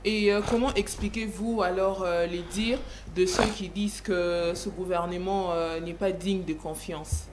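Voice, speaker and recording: A woman's voice: on the low side, steady tone, a little slow, few pauses, background noise. A woman interviewing a political guest on television, pressing him with challenging questions.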